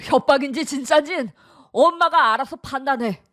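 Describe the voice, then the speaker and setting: A man's voice: extremely high pitch, moderate pace, pushed and bright, no echo. Earnest young guy begging his mom, tts voice, pleading, dry close sound. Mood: defiant. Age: young adult. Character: earnest young man defending his fiancée. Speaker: son in love. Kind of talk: synthesized radio drama voice.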